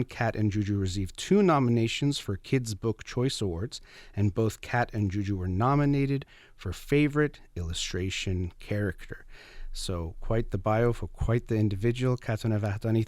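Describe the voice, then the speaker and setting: Man, radio host, lowish voice, measured formal delivery, dry close sound. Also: darkish tone, no echo. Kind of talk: radio interview.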